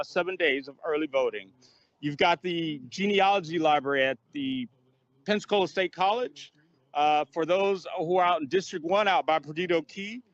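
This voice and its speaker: Methodical high-voiced man listing details. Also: a bit bright, no room sound. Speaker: community speaker. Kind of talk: informational announcement. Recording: dry, dull lo-fi sound.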